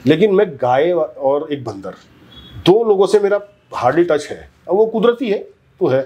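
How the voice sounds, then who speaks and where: A community leader appears as a guest in a heated political interview, arguing his points emphatically and often cutting in over the interviewer. His voice is a little high yet dark in tone, slightly rough, very animated, and moderately paced.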